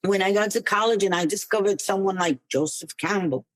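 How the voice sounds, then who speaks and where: An older woman from New City, telling personal stories as a podcast guest in an expressive, conversational way. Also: mid-range voice, fairly quick, no echo. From New York City. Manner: conversational, expressive, uses Spanish and Yiddish words. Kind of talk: reflective personal storytelling.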